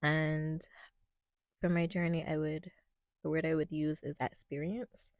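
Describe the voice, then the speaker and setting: A young woman from Barbados, a panelist speaking in a measured, hesitant way with many ums. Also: low-pitched, little pitch movement, darkish tone. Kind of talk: casual panel talk.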